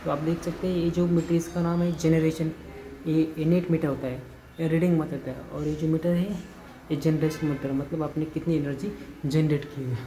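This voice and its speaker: This is a low-quality handheld phone recording of an electrician holding the camera off-frame as he walks through an installation, starting on a rooftop and moving to an indoor stairwell and wall. Traffic noise is clearly audible. His voice is fairly high and warm with little pitch variation, and his casual explanation is halting, with repeated words and restarts as he points things out.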